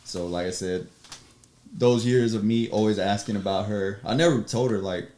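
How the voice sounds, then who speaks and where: A man chatting as a podcast guest, telling a personal story in an animated way, acting out quotes and laughing often. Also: fairly low pitch, normal speed. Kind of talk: casual storytelling chat.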